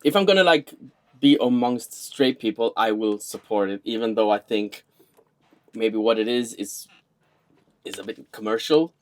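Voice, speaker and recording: A man co-hosting a casual chat show, enthusiastic and animated, often tripping over his words. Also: on the low side, moderate pace. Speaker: podcast co-host.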